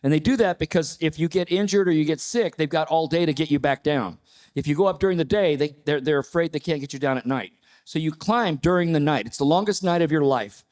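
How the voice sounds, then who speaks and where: A man in his sixties, a panelist telling a personal story with lively, acted-out quotes. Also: fairly high pitch, brisk. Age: 60s. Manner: animated storyteller, acts out quoted voices.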